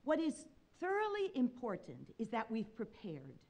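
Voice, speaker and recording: Animated woman telling a story onstage. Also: a little high, unhurried. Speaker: speaker, concert pianist. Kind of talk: public talk, personal storytelling. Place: stage talk before an audience.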